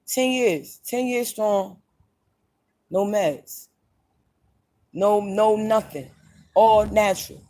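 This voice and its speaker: A woman's voice: mid-range voice, drawn-out words, pauses often, mellow. A woman hosting a late-night podcast in a blunt, emphatic monologue, repeating her points for stress. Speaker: podcast host.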